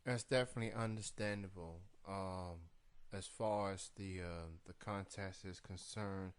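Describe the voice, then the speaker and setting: Slow, smooth-voiced male interviewer. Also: deep voice, fairly even intonation. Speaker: interview show host. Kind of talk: unscripted radio-style interview.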